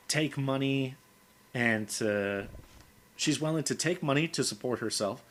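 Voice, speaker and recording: A man chatting about the backstory of a tabletop game character. His voice is bright and forward. He talks in an easy, casual way. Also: on the low side. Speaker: player.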